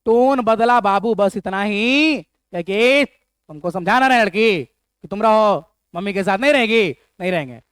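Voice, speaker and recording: A male teacher with a Bihari accent tells a story to teach a memory trick. His pitch swings widely, and he stretches and repeats key syllables in a playful way. The sound is dry and close. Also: animated, a bit bright, clear, resonant tone, no room sound. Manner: playful, repetitive, drawn-out syllables. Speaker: geography teacher.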